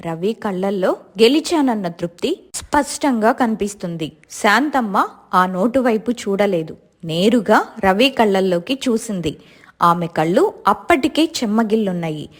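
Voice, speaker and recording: Woman narrating a dramatic family story. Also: medium pitch.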